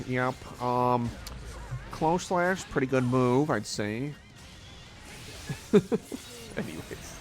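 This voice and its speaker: A man casually commentating a live fighting-game tournament, rambling and chuckling often. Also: mid-range voice.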